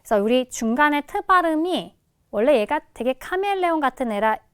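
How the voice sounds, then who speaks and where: A woman teaching English listening in a recorded lecture, addressing students casually and modelling each word's pronunciation slowly. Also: high voice, expressive, a bit bright, dry recording, clean studio sound.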